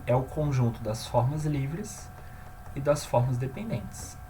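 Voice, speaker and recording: A man teaching a grammar lesson, often checking in with his listeners and slowing down to stress key terms. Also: mid-range voice, animated, warm tone, slight background noise.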